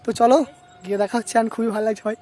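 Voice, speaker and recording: A young man from Bangladesh films a travel vlog while riding outdoors on a rural road, chatting casually and constantly checking in with viewers by asking "okay?". He talks very fast in a high, warm voice with a flat delivery.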